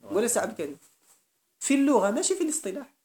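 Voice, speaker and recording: Fast-talking Moroccan teacher in an echoey room. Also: male voice, extremely high pitch, big pitch swings, warm tone. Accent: Moroccan Arabic. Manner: questions students and repeats key terms. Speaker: teacher of Arabic grammar. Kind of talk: classroom lecture.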